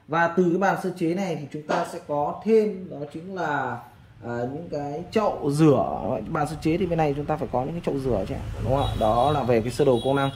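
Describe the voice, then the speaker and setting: A man's voice: fairly high pitch, a little mellow, a little hiss or hum. A man, an architect, casually walking viewers through a floor plan as he sketches, talking in loose chatty bursts full of fillers. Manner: chatty, many fillers and repeated "đó". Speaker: architect explaining a design. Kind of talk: casual explanatory walkthrough while drawing.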